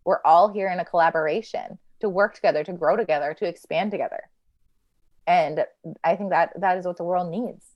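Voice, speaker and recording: Woman podcast guest, earnest and reflective, slightly low voice, dry close mic. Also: a little fast, no echo, muffled recording. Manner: earnest, reflective, many fillers. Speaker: podcast guest, healing coach. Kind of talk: casual podcast chat.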